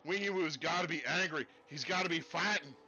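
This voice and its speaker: Guy calling a sim race in a fake texas drawl, folksy and hyped, high bright voice. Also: a little fast, dull audio, slight background noise. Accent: put-on Texas. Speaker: race commentator. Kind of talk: sim racing commentary.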